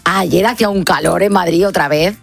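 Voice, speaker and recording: A woman with a low, deep-set voice hosts an overnight radio show, chatting easily with her co-host and laughing often. Her talk is loose and conversational. Soft music sits faintly underneath. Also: normal speed, gravelly, breathy edge. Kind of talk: late-night radio chat. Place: radio studio.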